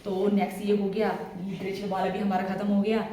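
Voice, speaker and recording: A woman teacher, giving a classroom lecture and repeating names slowly, with a steady "okay" after each point. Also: medium pitch. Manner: repeats names slowly with memory tricks, frequent "theek hai". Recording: echoey classroom, far from mic.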